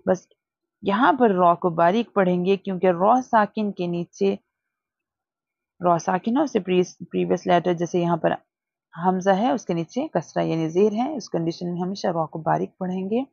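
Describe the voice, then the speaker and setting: A woman teaching Quran reading, drawing out each syllable slowly for practice, then explaining the rules quickly and dropping English phrases into her talk. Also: on the low side, vocal fry, a little mellow, no room sound, muffled recording. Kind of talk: recorded reading lesson.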